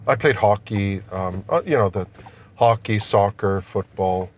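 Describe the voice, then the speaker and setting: In an unhurried, lowish voice, an Austrian-born businessman who moved to Canada fields questions conversationally. He's a middle-aged executive being interviewed inside a moving car, so the audio carries a lot of vehicle noise.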